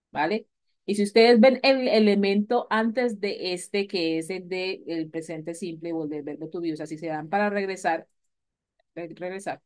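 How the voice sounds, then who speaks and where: A woman teaching an English grammar lesson to a class, explaining patiently and checking in with her students often. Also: fairly low pitch. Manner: patient, repeats key points, asks "¿vale?" often. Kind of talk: recorded class lecture.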